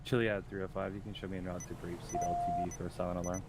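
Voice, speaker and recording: A man giving calm, matter-of-fact codes over a police radio transmission as a patrol officer in a roleplay. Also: sits low, racing, heavy background noise.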